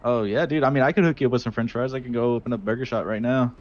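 A man's voice: mid-range voice, very fast, a little mellow, a little hiss or hum. A man in casual game role-play as a burger shop worker, talking in laid-back, dude-heavy slang. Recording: slightly dull, lo-fi voice chat.

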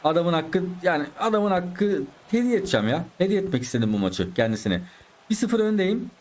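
A man's voice: high-pitched, sing-song, fairly quick, a little mellow. A man giving chatty live commentary over his own football video game, talking to his viewers and exclaiming at the plays. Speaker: gaming YouTuber.

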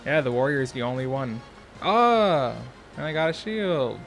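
A man's voice: on the high side, lively intonation, moderate pace, fairly bright tone, faint music behind. A young man hosting a let's play, thinking aloud in casual, chatty commentary.

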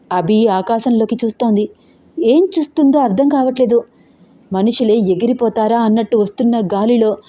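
A woman narrating a first-person audio story in a steady, even reading manner. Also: on the high side.

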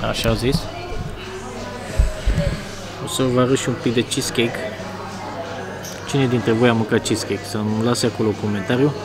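A man's voice: mid-range voice, level tone, long pauses, loud music behind the voice. A man in his thirties from Romania, vlogging to a camera held at arm's length, chatty and rambling with restarts as he talks to viewers. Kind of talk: casual car vlog to camera. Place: outdoors by garages, car and restaurant. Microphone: phone or camera held at arm's length.

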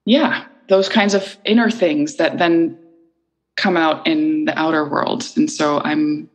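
A woman's voice: low voice, steady tone, slow pace, low-quality recording. A middle-aged woman from Iceland, an interview guest talking thoughtfully and searching for her words. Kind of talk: reflective conversational interview.

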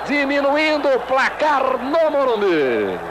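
High-pitched Brazilian man, explosive goal commentary. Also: wildly swooping pitch. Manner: shouts goal calls with drawn-out words. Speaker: football match commentator. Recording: noisy old TV broadcast, loud crowd. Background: roaring stadium crowd.

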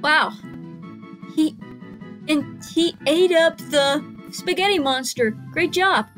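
Reacting to a video from a small indoor room, a young adult woman reads its captions, comments, and performs the dialogue in an exaggerated way. Her voice is high-pitched and fairly bright, slow-paced, with the video's music audible behind it.

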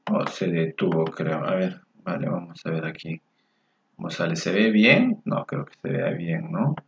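A man teaching a Spanish grammar lesson to learners in a friendly way. He repeats words slowly and mutters asides to himself while fixing his screen. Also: low-pitched, gravelly, a little hiss or hum. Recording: echoey room, dull lo-fi sound.

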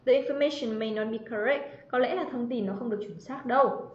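Chatty high-voiced woman teaching online. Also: brisk. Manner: chatty, teasing, calls out students by name. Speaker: English teacher. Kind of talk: livestream grammar lesson. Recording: roomy, slightly dull livestream audio.

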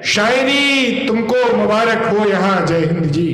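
A young man on a small stage reciting ghazal couplets into a stand mic, repeating each line slowly for effect. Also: high-pitched, animated, a bit bright. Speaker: poet performing ghazals. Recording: echoey hall, audience crowd.

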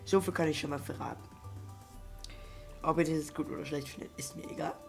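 A young gaming YouTuber with a cold rambles through casual let's-play commentary, full of fillers and restarts. His voice is fairly high with vocal fry, steady in tone and brisk, heard over music.

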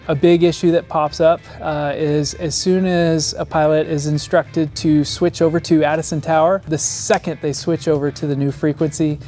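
A man in his thirties, a flight instructor, delivers a plain-spoken scripted instructional presentation to camera while seated on an indoor studio set. His voice is on the high side with a darkish tone, picked up by a lapel mic.

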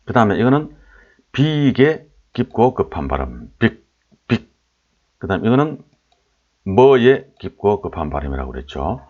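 A man's voice: fairly low pitch, very animated, moderate pace, highs cut off. A man giving a lecture, explaining old pronunciations, repeating sample syllables aloud and asking his listeners rhetorical questions.

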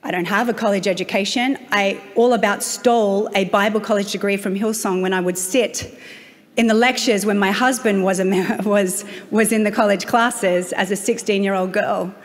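A woman's voice: mid-range voice, steady tone, moderate pace. Australian woman preaching in an echoing hall. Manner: storytelling, self-deprecating humor. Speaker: pastor. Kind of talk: sermon. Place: church auditorium. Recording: long reverb of a large hall.

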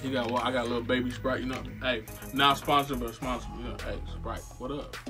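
A young man in casual, joking snack-tasting chat for his vlog, slangy and animated. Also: medium pitch, quick pace, over music. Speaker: vlogger.

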